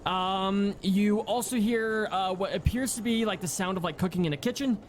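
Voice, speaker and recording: A young man narrating as game master over voice chat, halting, with many ums and restarts. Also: high voice, slight background noise. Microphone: home microphone on voice chat.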